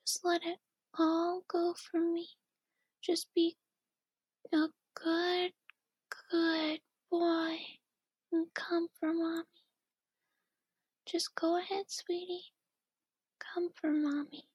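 A woman whispering softly in a slow, coaxing and doting ASMR roleplay. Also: very high-pitched, little pitch movement, no echo. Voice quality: soft breathy whisper.

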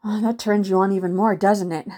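A woman voicing a teasing, domineering superpowered stepmother in an intimate audio roleplay, with a slow, sultry delivery. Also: medium pitch, steady tone, mellow, lightly acted.

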